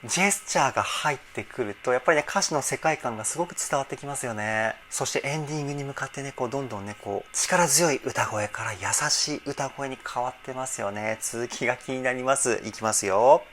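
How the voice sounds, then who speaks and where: A man's voice: mid-range voice, a little fast, few pauses, a bit bright. A man working as a vocal trainer, giving effusive reaction commentary on a song. He breaks into exclamations between short analytic remarks. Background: faint song playing.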